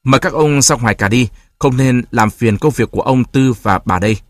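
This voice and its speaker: A man's voice: mid-range voice, fairly quick, no echo, clean studio sound, natural voice. A man voicing a commanding officer with falsely polite manners. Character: smooth-talking commanding officer, false courtesy.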